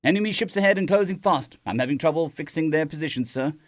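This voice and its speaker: A man's voice: a little high, animated, fast talker, no room sound, studio quality, pitched above the performer's own voice, lightly acted. A man voicing a crewman at a sensor station, giving an urgent, clipped report.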